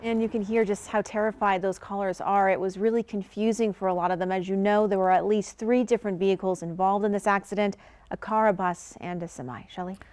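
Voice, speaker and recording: A woman's voice: mid-range voice, fairly quick. Woman anchor, serious live news report. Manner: serious, steady delivery.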